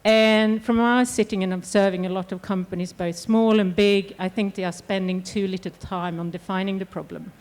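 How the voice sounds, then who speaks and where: A woman's voice: mid-range voice, steady tone, normal speed, hardly any pauses, a little mellow. Woman moderating a conference panel. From Sweden. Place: conference stage.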